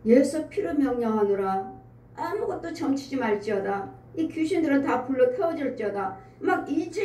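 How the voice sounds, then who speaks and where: A woman's voice: high-pitched, dark tone, recorded from a distance, a little hiss or hum. A woman pastor giving an emotional, emphatic sermon testimony, heard in a church room. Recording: echoey room, voice from off-mic.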